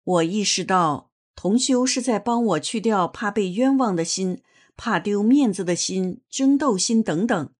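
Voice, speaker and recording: A woman reading a first-person testimony aloud in a measured, earnest way. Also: mid-range voice, expressive.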